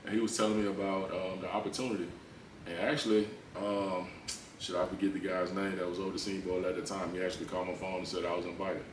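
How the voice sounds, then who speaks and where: A man's voice: sits low, level tone, fast talker. A man talking casually as an interview guest, informal and repeating phrases for emphasis. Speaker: interview guest, former pro football player. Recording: roomy echo, distant mic, faint noise.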